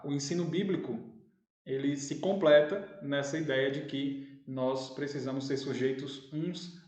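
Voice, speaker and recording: A man's voice: a little high, darkish tone. Man teaching in an echoey room. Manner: thoughtful, many pauses and fillers. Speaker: Bible teacher. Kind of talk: Bible study teaching. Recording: echoey room, slightly dull sound.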